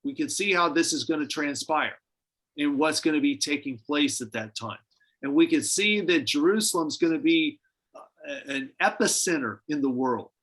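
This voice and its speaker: A man with a somewhat high voice leads a church Bible study. He talks in a relaxed, musing way, often restarting his sentences as he thinks aloud. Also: normal speed, husky, rough recording. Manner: conversational, speculative, many restarts. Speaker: pastor.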